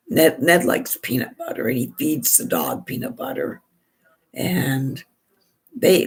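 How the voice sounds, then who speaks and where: Woman vlogger, hoarse and raspy, lively pitch swings, slow rambling chat. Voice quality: gravelly, raspy. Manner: chatty, rambling with many restarts and fillers. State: hoarse, losing her voice. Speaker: beauty vlogger. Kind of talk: casual chat while doing makeup.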